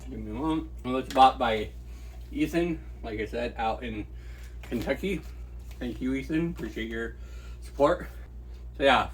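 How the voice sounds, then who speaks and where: A man of middle pitch chats easily while he packs and ships items, thinking aloud about costs and thanking buyers. His voice is ordinary and relaxed, caught by a single mic in a small working room with a faint hum of ambience behind him. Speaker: online reseller. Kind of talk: casual packing-and-shipping vlog.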